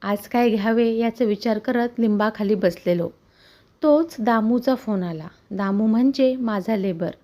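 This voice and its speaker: A woman calmly reading a moral story aloud in an earnest, steady storytelling voice. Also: a little high, unhurried. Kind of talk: scripted story narration.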